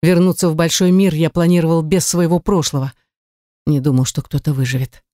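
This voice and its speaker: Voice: medium pitch, fairly even intonation, brisk, warm tone, no echo, clean studio sound, close to an everyday voice. A reader voicing a coarse, cynical man who swears and speaks curtly in an audiobook. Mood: guilty. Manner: curt, swearing, gruff. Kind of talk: audiobook character reading.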